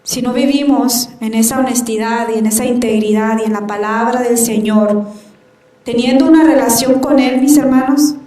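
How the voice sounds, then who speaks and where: A woman's voice: on the high side, fairly even intonation, moderate pace, dark tone. Fervent woman preaching in echoey hall. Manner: fervent, calls out to the congregation often. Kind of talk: sermon. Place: church hall. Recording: echoey hall, voice from far off, dull sound.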